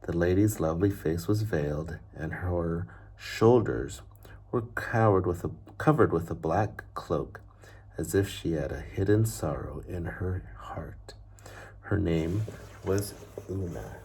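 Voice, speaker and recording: Reading a storybook aloud to children, a man uses measured, deliberate phrasing and often lets line endings trail off softly. His voice is low with a breathy edge.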